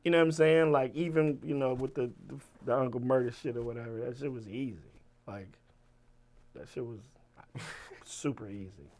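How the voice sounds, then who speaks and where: A man in his forties telling a story as an interview guest, profane and swinging from loud bursts to low mutters. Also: moderate pace. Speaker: rapper guest. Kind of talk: animated storytelling.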